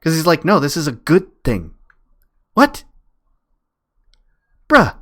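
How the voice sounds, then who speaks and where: A man's voice: fairly high pitch, huge pitch swings, slow pace, a bit bright. A man arguing casually and emphatically, repeating his points as in an online debate. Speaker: streamer and debater. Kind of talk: casual argumentative debate talk.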